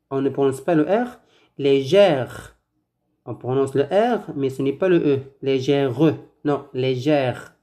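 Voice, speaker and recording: A woman's voice: on the low side, mellow. A woman teaching a French grammar lesson, patiently asking and answering drill questions and repeating words for pronunciation.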